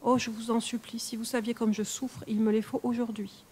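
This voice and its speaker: A woman reading the part of an anxious young woman who hesitantly pleads for money, in a mellow voice. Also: mid-range voice, a little fast, natural voice. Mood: pleading.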